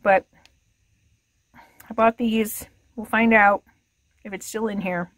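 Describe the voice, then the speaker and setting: This RV travel vlogger is a woman in her fifties with a mid-range, slightly bright voice, a steady tone and a slow pace. She makes casual vlog chat and speaks sweetly to her dog, outdoors in the windy high desert and inside her RV. The phone, held at arm's length, picks up a little hiss or hum.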